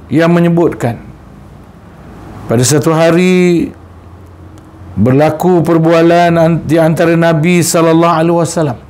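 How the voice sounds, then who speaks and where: A man with a Malaysian Malay accent, a religious teacher telling a story in a sermon to schoolchildren, speaking slowly and deliberately and often repeating and rephrasing his phrases. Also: fairly high pitch, a little mellow.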